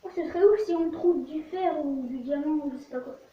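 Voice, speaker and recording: A woman's voice: high-pitched, fairly quick. A woman giving casual let's play commentary as host of a gaming video, narrating what they do in short fragments. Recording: very echoey, distant, muffled, faint noise.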